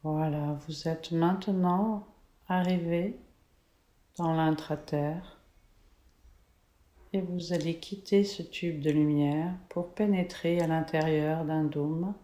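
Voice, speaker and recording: A woman leading a guided relaxation meditation in a soothing, gentle, unhurried manner. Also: low voice, fairly even intonation. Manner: soothing, slow, gentle spa-like delivery. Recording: echoey, reverberant room.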